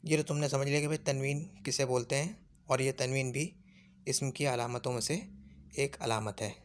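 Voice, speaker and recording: A man's voice: mid-range voice, fairly even intonation, normal speed. A man teaching Arabic grammar, patiently repeating points and checking whether his listeners have understood. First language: Urdu. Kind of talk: classroom lesson.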